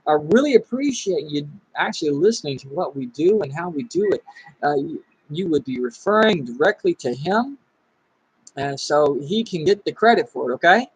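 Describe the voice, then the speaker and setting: A man's voice: on the high side, lively intonation, moderate pace, breathy edge, dry recording, rough recording. A man playing an eager, friendly recruiter making a sales call in a training role-play. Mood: upbeat.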